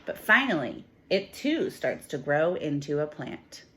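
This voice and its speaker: A woman teacher reading a picture book aloud to children, with expressive, emphatic delivery. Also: sits low, unhurried.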